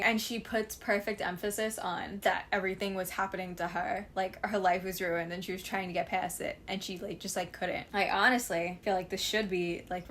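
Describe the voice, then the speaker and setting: A young woman, chatting casually about books she read, full of fillers, her voice a little sore. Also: mid-range voice. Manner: chatty, gushing, many fillers like "like". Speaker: book vlogger. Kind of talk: casual book review chat.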